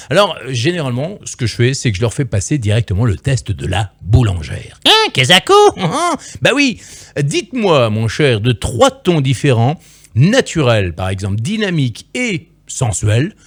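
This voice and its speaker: A man's voice: medium pitch, sing-song, normal speed, breathy edge, no room sound. A man coaching future voice-over artists in an emphatic, playful direct-to-camera lesson, on a close microphone.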